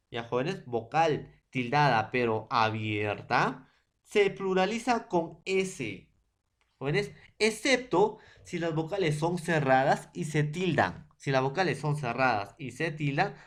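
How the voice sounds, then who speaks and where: Male Peruvian schoolteacher, unhurried, repetitive grammar drills. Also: medium pitch. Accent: Peruvian Spanish. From Peru. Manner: repetitive, checks in with students often; lists word pairs one by one. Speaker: secondary school teacher. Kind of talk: grammar lesson to students.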